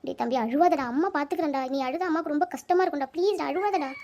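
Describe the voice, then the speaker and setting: A worried, pleading village mother from a Tamil cartoon, voiced by a woman. Her voice is high and gravelly, and she hurries through her words. She speaks with a Tamil accent, apologetic and anxious. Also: very fast, a little mellow. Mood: comforting.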